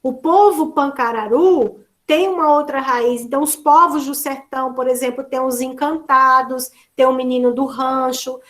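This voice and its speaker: A woman's voice: high-pitched, steady tone, normal speed, hardly any pauses, a bit bright. A woman facilitating an online seminar, explaining at length with many tag questions and restarts, speaking over a video call. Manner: explanatory, with frequent "né" tags and restarts.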